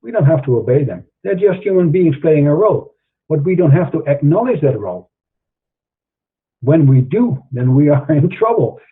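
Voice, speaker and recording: A middle-aged Dutch-accented man hosts an online show, delivering an earnest, preachy monologue to camera with many fillers and restarts. His voice is husky and on the high side, very animated at a normal speed, and the audio is narrow and tinny.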